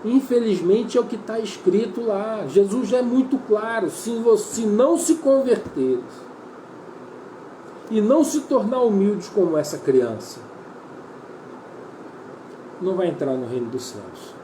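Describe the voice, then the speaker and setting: Delivering a sermon with a Brazilian Portuguese accent, this man speaks in a high, warm, expressive voice, unhurried and pausing often. He is earnest and repetitive, often addressing listeners as brother, while roomy echo, faint ambience and a little hiss or hum colour the audio.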